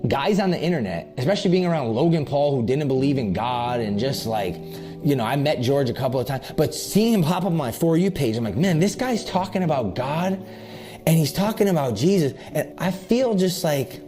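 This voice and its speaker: A man's voice: medium pitch, lively intonation, brisk, dark tone, soft background music. Emotional man giving his testimony. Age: 30s. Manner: earnest, confessional, voice catching with emotion. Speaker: interviewee sharing his testimony.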